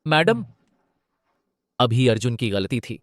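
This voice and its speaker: A young actor playing a humiliated but defiant servant hero who speaks firmly, in dubbed drama acting. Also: male voice, mid-range voice, sing-song, takes it slowly, no echo. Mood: restrained. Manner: firm, restrained, defiant.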